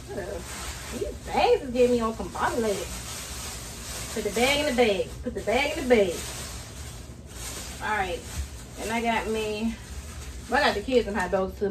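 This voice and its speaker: A woman's voice: medium pitch, expressive, moderate pace, long pauses. A young woman chatting casually to viewers about her groceries while unpacking bags in her kitchen, hot and sweaty. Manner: chatty, addresses viewers as y'all. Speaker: vlogger and mother. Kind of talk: casual grocery haul vlog. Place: home kitchen, indoors. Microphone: camera on the counter, at a distance. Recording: distant camera mic, noisy room.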